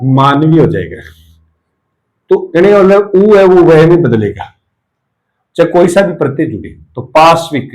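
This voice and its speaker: A male Hindi teacher explaining spelling rules to exam students, asking questions and answering them himself while repeating key words slowly. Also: fairly high pitch, low-quality recording. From India.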